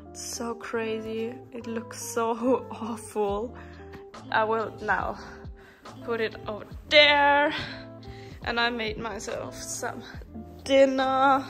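A woman's voice: a little high, fairly even intonation, very slow, fairly bright tone, soft background music. A young woman with a sick, congested voice, chatting casually in a daily vlog and laughing often. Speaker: vlogger.

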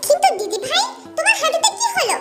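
A woman's voice: very high-pitched, sing-song, fast talker, over loud music, voice pushed up. A woman voicing a cheeky young friend. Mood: chatty.

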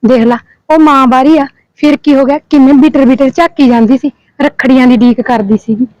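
A woman's voice: high-pitched, steady tone, a little fast, darkish tone, no room sound, close to an everyday voice. Woman doing gossipy neighbour lady, dry, lo-fi. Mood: gossiping. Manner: gossiping, sympathetic.

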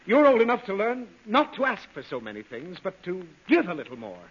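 In a muffled, hissy old 1930s radio broadcast, an actor plays a headachy, suffering father of a little girl, groaning and pleading in period comedy style while earnestly lecturing. His exaggerated voice is high-pitched, brisk, and slightly rough, with huge pitch swings.

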